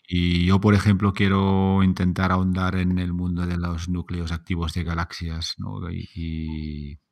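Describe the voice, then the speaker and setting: Male podcast host, very low register with some vocal fry, informal and encouraging, close dry sound. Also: level tone, unhurried, darkish tone, no echo. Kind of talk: casual interview conversation.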